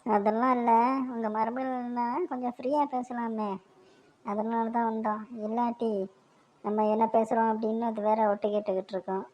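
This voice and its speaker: A woman's voice: on the high side, level tone, normal speed, a little hiss or hum, natural voice. A woman voicing a gossipy cartoon neighbor lady. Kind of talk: cartoon voice acting. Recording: dull lo-fi recording.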